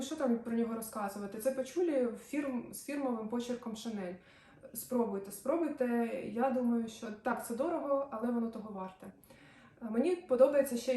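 A woman's voice: fairly high pitch, mellow. A woman vlogging about perfumes, talking to camera in a chatty, enthusiastic way with trailing asides. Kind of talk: casual review chat to camera. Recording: echoey room, distant mic.

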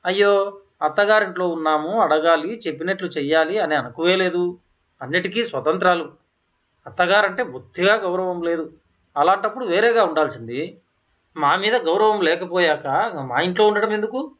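Shrill scolding mother-in-law, voiced by a man. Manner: loud, scolding, rapid rebukes. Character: harsh scolding older woman, a domineering mother-in-law. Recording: slightly dull, lo-fi audio.

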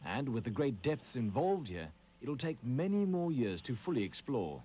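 A man giving scripted documentary narration in a measured, informative way. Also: mid-range voice, sing-song, warm tone, a little hiss or hum. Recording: voice-over with music behind. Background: music.

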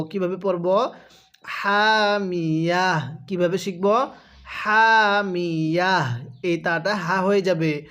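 A Bangladeshi man teaches Quran reading, sounding out syllables and stretching his recitation of verses so learners can repeat after him. His voice is high-pitched.

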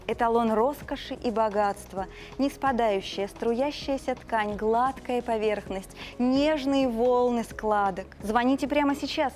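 A woman presenting a gushing infomercial sales pitch as a TV shopping host, lingering on descriptive words for emphasis. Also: darkish tone. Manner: gushing, drawn-out emphasis on sensual adjectives. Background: background music.

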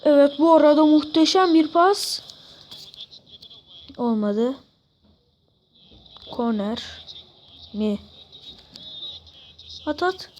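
Very high voice, excited football game commentary, exclamatory outbursts, slow phrasing, faint noise. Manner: exclaiming, shouting at goals and misses. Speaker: gamer commentating own football career-mode play. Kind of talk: excited casual gameplay commentary.

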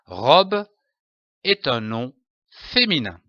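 A man teaching children to read, spelling out letters and syllables slowly and stressing each sound, on a dull, lo-fi recording. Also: medium pitch, big pitch swings, no echo. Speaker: reading teacher. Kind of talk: slow, carefully enunciated reading lesson.

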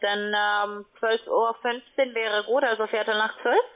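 Speaking a little slowly with a high-leaning voice and fairly even intonation, this non-native German speaker handles a formal sales call as a financial adviser. Her phrasing gives away her non-native background, and the line is tinny and narrowband.

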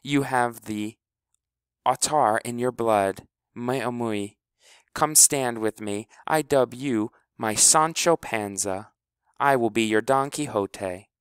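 Audiobook character: male reader doing a pompous woman director, lofty and affected, smooth resonant voice. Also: medium pitch, slow pace, no echo, voice pushed up, lightly acted. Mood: theatrical. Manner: affected, dropping fake French phrases. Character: pompous theatrical woman pageant director, grand.

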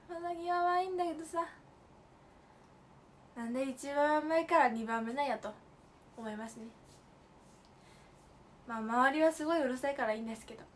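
A woman's voice: high voice, fairly bright tone. A young woman in her late teens hosting a casual livestream, telling stories with playful, emphatic asides and mixing polite speech with slang. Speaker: idol livestream host.

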